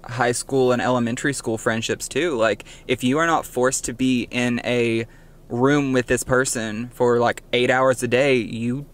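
Speaking at a measured pace with fairly even intonation and a medium pitch, this young podcast co-host tells stories in a casual chat, fixing his own mistakes along the way. The mic he uses is a cheap one.

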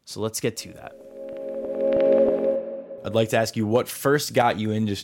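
A man's voice: fairly low pitch, fairly even intonation, unhurried, loud music behind the voice. A man hosting a podcast, introducing interviews and chatting with guests in a conversational, enthusiastic way. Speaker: podcast host. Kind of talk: podcast host narration and interview.

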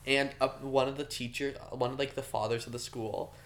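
A man's voice: mid-range voice, steady tone, brisk, a bit bright. A young adult man hosting a podcast, telling stories in a rambling, self-mocking way with lots of fillers. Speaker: podcast host. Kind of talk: casual storytelling chat.

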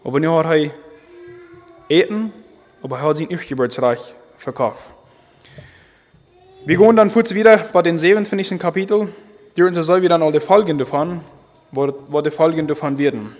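Man, preacher, halting delivery, slightly high voice, long hall reverb. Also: a little mellow. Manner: halting, repeats and restarts phrases. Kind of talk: sermon.

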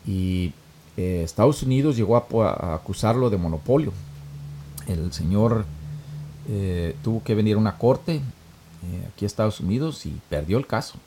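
A man's voice: fairly low pitch, lively intonation, moderate pace, mellow, a little hiss or hum. A middle-aged man, telling a story and giving advice in a folksy, casual way with many filler words. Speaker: storyteller, moral speaker.

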